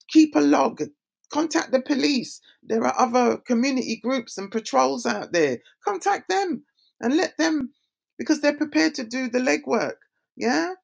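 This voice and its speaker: A middle-aged woman addresses her community about keeping kids safe. Her pitch swings widely, and she turns each anecdote into a small performance. She voices her own panicked reactions as she tells them. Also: vocal fry, breathy edge. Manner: animated storyteller who acts out her own reactions. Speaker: community speaker. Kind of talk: talk on community and youth safety.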